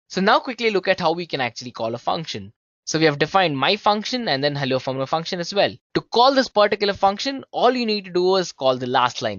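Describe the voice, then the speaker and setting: A programming instructor walks learners through code step by step, keeping the tutorial conversational and casual and checking in with tag questions. The voice is medium-pitched with a fairly bright tone, captured in a dry, dull-sounding recording.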